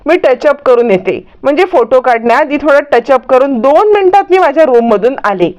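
A woman's voice: high-pitched, sing-song, normal speed, darkish tone, lo-fi sound. A woman voicing a suspicious, stubborn young woman. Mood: insistent. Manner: insistent, wary.

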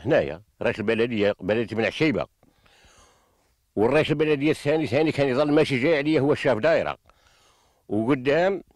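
A man's voice: medium pitch, a little mellow, dry recording, studio quality. An older man with a western Algerian accent, a farmer giving impassioned, insistent testimony into a handheld microphone outdoors, repeating himself in an aggrieved manner. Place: outdoors in open farmland. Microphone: handheld reporter microphone.

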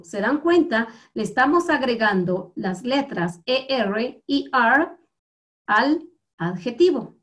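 A woman with a Guatemalan Spanish accent teaches an English lesson to young students. Her voice sits high, and she speaks slowly and patiently, repeating each word so the class can follow. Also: a bit bright. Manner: slow, patient, repeats words for students to copy.

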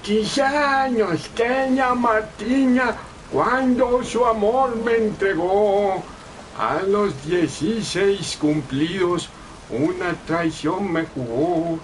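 A man putting on an old-fashioned crooner singing a sad ballad in slow, drawn-out phrases. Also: high voice, distant mic, a little hiss or hum, voice pushed up, rough recording. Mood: mournful.

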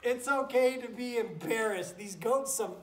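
A man with an extremely high, fairly bright voice reads a picture book aloud to children at an unhurried pace, teacher-style, with encouraging chatter and asides to the animals. Goats and chickens surround him in a straw-lined wooden barn pen. The sound is roomy and noisy, recorded by a camera a few feet away.

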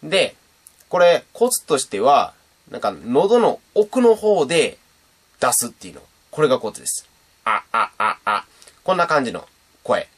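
A man's voice: on the high side, normal speed, slightly rough. A young man, chatting casually as he teaches beatboxing on his channel. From Japan. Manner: chatty and animated, demonstrating sounds. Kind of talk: casual video lesson.

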